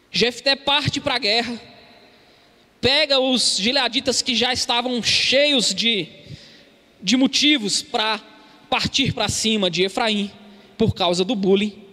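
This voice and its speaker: A man's voice: high-pitched, pushed and bright. A man with a Brazilian Portuguese accent preaching an earnest expository sermon in a church hall, calling his listeners brothers. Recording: long hall reverb.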